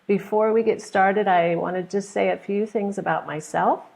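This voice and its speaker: A middle-aged woman from California with a standard American accent, teaching a pronunciation webinar in clear, simple, encouraging explanations. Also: medium pitch, steady tone, normal speed, darkish tone. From California, United States. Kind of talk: webinar lesson, explaining to students. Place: small plain room indoors. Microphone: earphone headset on a webcam video call.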